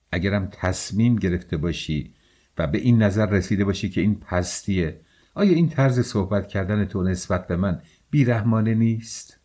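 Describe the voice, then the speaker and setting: A man's voice: on the low side, a little mellow, husky. A man voicing a proud young woman who pleads her case indignantly in a storybook reading.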